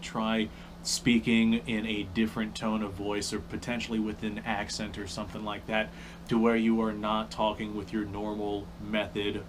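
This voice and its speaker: Low-voiced man with upspeak and hiccups. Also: noisy background. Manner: upspeak, rising at line ends; rambling, with restarts. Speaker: YouTube creator. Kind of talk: casual talk to camera.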